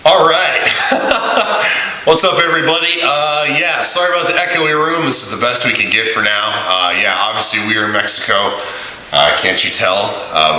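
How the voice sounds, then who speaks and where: A man's voice: lowish voice, pushed and bright. A man talking in a rambling video diary full of uh and um fillers, recorded in an echoey room. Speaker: mission-trip vlogger. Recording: echoey room with faint hiss.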